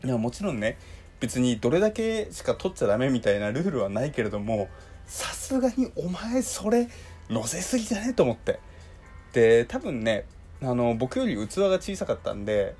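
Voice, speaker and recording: Hoarse young man chatting, lively pitch. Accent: Kansai. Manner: chatty storytelling with many fillers. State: hoarse, dry throat. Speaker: podcast host. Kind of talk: casual solo talk.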